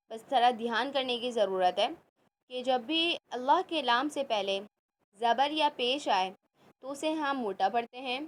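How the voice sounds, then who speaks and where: A woman teaching a children's Quran class, explaining and reciting slowly and carefully. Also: on the high side. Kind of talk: children's tajweed lesson.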